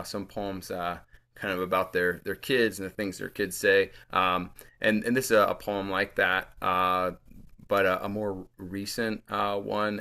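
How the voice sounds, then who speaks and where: Guy reading his poems, bright edgy tone, kinda low, lots of uhs between poems. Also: clear, resonant tone. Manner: measured reading voice with hesitant, filler-heavy asides between poems. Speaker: featured poet. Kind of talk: poetry reading.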